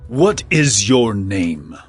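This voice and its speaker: Jesus, slow, commanding, expressive. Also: male voice, lowish voice, breathy edge, faint music behind, full character voice. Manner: solemn, authoritative, measured. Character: Jesus, commanding, compassionate male healer and teacher.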